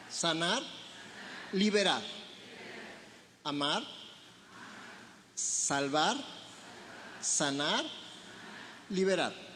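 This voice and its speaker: A Mexican man preaching as a pastor, animated and joking, leading shouted call-and-response. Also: sits high. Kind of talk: sermon. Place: church sanctuary. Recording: reverberant hall, faint noise.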